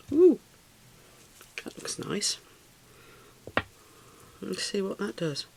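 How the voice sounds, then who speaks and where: Still a bit snuffly from a cold, this British craft tutor has a gravelly, medium-pitched voice. Her hands-on tutorial is casual, chatty, and rambling as she thinks aloud and coos over her materials.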